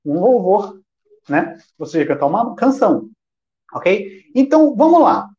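A man's voice: sits high, sing-song, measured pace, a little mellow, muffled recording. A man teaching worship music on a live stream. He talks straight to his viewers and asks himself questions, then answers them. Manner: talks directly to chat viewers.

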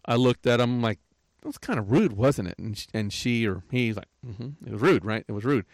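A man's voice: medium pitch, animated, a little fast, gravelly, no echo. An older man telling a rambling, aggrieved story in a casual rant, often tagging his lines with "right?". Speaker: podcaster.

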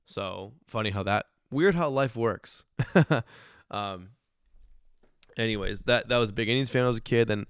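A man with a hoarse voice talks in a loose, rambling way, laughing often and breaking off mid-thought. His voice sits a little low and comes through smooth and resonant despite the hoarseness. The sound is dry and close to the mic. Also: moderate pace, no room sound. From Michigan. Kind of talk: casual chat.

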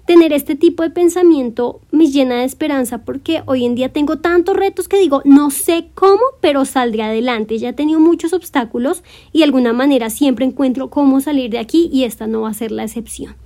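A woman in her twenties hosting a solo podcast, speaking gently and encouragingly straight to her listener in a reflective monologue. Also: high voice, brisk, hardly any pauses. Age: 20s. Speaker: podcast host.

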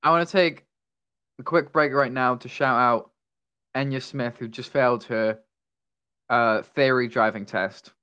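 A teenage man, co-hosting a casual podcast with quick, teasing interjections over an online call. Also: mid-range voice, fairly even intonation, bright, forceful tone, smooth, dull audio. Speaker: podcast co-host. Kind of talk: casual chat.

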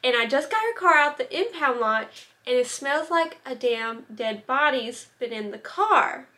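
A young woman voicing a frantic, worried middle-aged grandmother, urgent and pleading, a little louder than her narration. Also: sits high, animated, unhurried, exaggerated voice.

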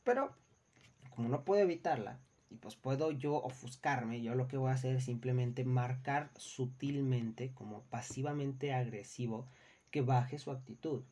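A young man with a Mexican Spanish accent speaks in a dark, mellow voice, chatting frankly about dealing with rude customers. He drops casual swearing and slips into quick imitations of the people in his stories. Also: medium pitch. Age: young adult. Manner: acts out customers and coworkers in quoted voices. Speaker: customer service worker. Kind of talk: casual storytelling monologue.

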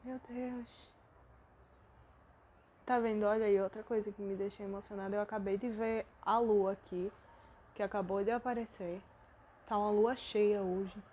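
A woman's voice: mid-range voice, little pitch movement, moderate pace, warm tone, lo-fi sound, slight background noise. Rambling, emotional young Brazilian woman. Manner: rambling, self-deprecating and emotional. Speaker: podcast host. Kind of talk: personal monologue podcast.

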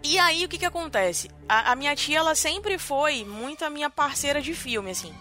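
A young adult woman with a Brazilian Portuguese accent, co-hosting a podcast and telling a story in an animated, dramatic way, full of fillers. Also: high voice, moderate pace, faint music behind. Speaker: podcast co-host. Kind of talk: casual storytelling chat.

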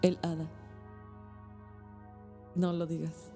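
A Mexican woman hosting a casual podcast, retelling a story in a loose, slangy ramble. Her voice is dark and mellow, with faint music behind. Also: on the low side, monotone, takes it slowly. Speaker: podcast host.

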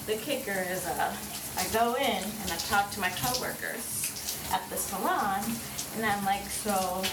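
A vlogger in her thirties talks from a bathroom shower, rambling casually to her listeners in a wry, self-deprecating, hesitant way and swearing freely. Her voice is medium-pitched and measured. The phone sits at some distance, so the sound is roomy and distant, with running shower water in the background.

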